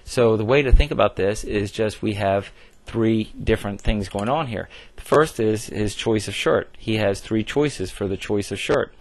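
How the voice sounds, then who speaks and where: A man's voice: lowish voice, normal speed, dry recording. A man teaching a recorded math lesson, explaining step by step in a plain way with frequent fillers and restarts. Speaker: math instructor.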